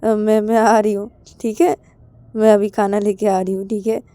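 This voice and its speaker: A woman voicing a caring, gentle middle-aged mother. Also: medium pitch, little pitch movement, moderate pace, dry recording, lightly acted.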